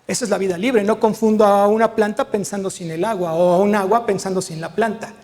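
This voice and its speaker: A middle-aged man with a Mexican accent, a veterinarian telling lively anecdotes to an audience and acting out the dialogue. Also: high-pitched, a little fast, big-room sound. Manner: lively storyteller, acts out dialogue, frequent tag questions. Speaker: veterinarian giving a talk.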